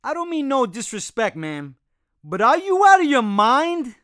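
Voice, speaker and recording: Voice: high-pitched, sing-song, measured pace, a bit bright, no room sound, studio quality, heavily acted. An actor voicing a cocky, street-smart male chimpanzee who talks in brash slang in an audiobook. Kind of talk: audiobook character voice.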